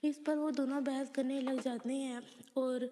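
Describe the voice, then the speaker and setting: A woman retelling the plot of a TV drama episode scene by scene, reading the characters' lines in a plain recounting way. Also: sits high. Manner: plain recounting with quoted lines read flatly. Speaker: drama episode recap narrator. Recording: long hall reverb.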